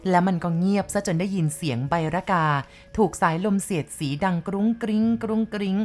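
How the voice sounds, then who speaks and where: A woman reading a ghost story aloud in the first person, with measured, vivid descriptive narration. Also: mid-range voice, darkish tone, faint music behind.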